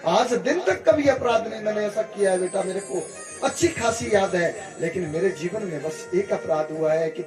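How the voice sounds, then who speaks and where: A man's voice: sits high, animated, moderate pace. A male preacher voicing an aged, dying grandsire who is grave and remorseful, inside a devotional story sermon. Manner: pleading, then sorrowful confession. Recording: echoey room with music behind.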